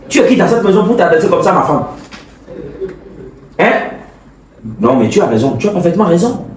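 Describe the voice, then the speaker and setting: A man's voice: fairly high pitch, darkish tone, slight background noise, lightly acted. A man playing a stern older brother who lectures and scolds, often stammering over words. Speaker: actor in a web skit. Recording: echoey room, far from the mic.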